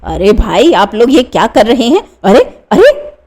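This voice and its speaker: A woman's voice: a little high, big pitch swings, unhurried, darkish tone. A woman voicing a fussy middle-aged male landlord, moaning and wailing in pain, in a one-reader radio play. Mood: flustered.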